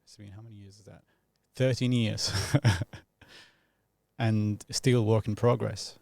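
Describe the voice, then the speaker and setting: A man in his thirties from Iraq, talking as a podcast guest in a thoughtful, reflective way, pausing often and laughing easily. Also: on the low side, fairly even intonation, vocal fry, darkish tone, dry recording, studio quality. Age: 30s. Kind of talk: casual reflective interview talk.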